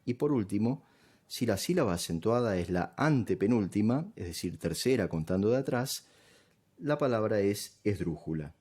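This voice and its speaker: A man teaches a grammar lesson. He explains patiently, one step at a time, pausing to ask if the listener is following. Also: fairly low pitch, expressive, a little mellow. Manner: patient, step-by-step, checks understanding with "¿sí?".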